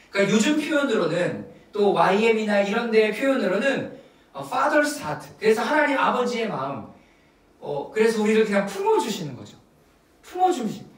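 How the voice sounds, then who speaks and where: A high-voiced male pastor teaches at a Friday prayer meeting, his pitch swinging widely as he acts out a story and coaches the congregation. The sound is very echoey and comes from a mic set some way off in the church hall. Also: far from the mic. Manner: animated teaching with acted asides and audience prompts. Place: church sanctuary.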